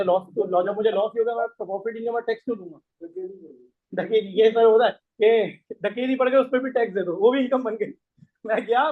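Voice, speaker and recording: A hoarse man gives a classroom lecture, mixes in English terms, and keeps quizzing the class with repeated questions. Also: sits high. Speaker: tax course lecturer. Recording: tinny phone-like lo-fi recording.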